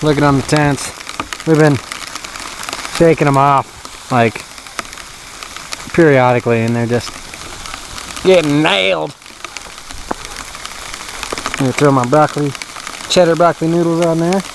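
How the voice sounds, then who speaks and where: A man's voice: fairly high pitch, unhurried, long pauses, background noise. A man casually narrating his winter camping trip, rambling and chuckling with filler words, recorded outdoors at a snowy campsite by a fire on an action camera. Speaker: outdoor vlogger.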